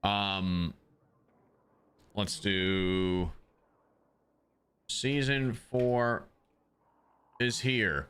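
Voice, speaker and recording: A man's voice: fairly low pitch, drawn-out words, pauses often, a bit bright, clean tone. A man chatting loosely to his viewers as a streamer, rambling with many ums, speaking into a desk microphone. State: has the hiccups. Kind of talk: casual livestream chat.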